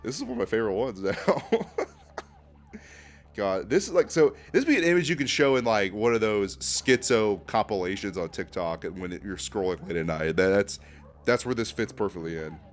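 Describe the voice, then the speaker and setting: A man with a lowish voice reacts to art in a loose, casual way. His pitch jumps around a lot, and he talks in excited slang, tossing in "dude" again and again. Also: normal speed. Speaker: YouTube host ranking fan art.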